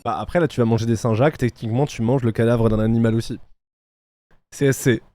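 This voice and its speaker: A man's voice: mid-range voice, fairly even intonation, mellow, no echo, soft background music. A man commenting casually and mockingly on a reality show during a live stream. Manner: mocking, chatty, quick to laugh.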